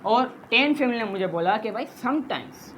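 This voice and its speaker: A man's voice: very high-pitched, lively intonation, unhurried, fairly bright tone, a little hiss or hum. A man teaching a math lesson, patiently explaining steps, counting aloud and mixing in English terms. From Pakistan.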